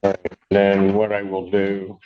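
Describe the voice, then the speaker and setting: A man serving as judge speaks in a very low, deep voice and hands down brisk, matter-of-fact rulings. The sound comes from a muffled, lo-fi courtroom audio recording. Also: completely flat delivery, clear, resonant tone. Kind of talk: presiding over court hearings.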